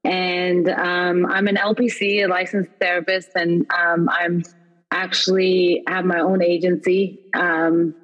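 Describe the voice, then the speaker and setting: A woman from Oklahoma speaks as a therapist guest, rushing in quick bursts between ums. Her slightly low voice comes through dull, lo-fi audio. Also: level tone, big-room sound. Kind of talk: casual podcast chat.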